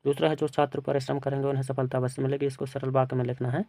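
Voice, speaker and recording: A male teacher working through an exam paper, reading each question aloud and then giving its answer in a plain, steady way. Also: mid-range voice, rapid-fire, no room sound. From India.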